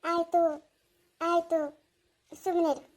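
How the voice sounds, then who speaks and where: A serene young male god, voiced by a woman, speaks in a very high, childlike register for a family cartoon. He soothes and reassures, then turns stern and lectures about duty. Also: level tone, slow, full character voice. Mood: soothing. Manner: soothing yet warning, lecturing. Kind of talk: cartoon voice acting.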